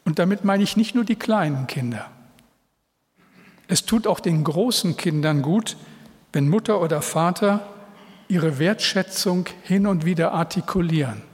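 A middle-aged male pastor preaching an earnest, heartfelt sermon to his congregation, with pauses between phrases. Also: high-pitched. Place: church hall. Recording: reverberant church hall. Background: long reverb.

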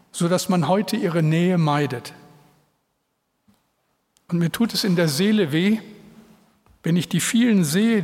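A middle-aged male pastor preaching an earnest, heartfelt sermon to his congregation, with pauses between phrases. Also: high-pitched. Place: church hall. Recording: reverberant church hall. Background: long reverb.

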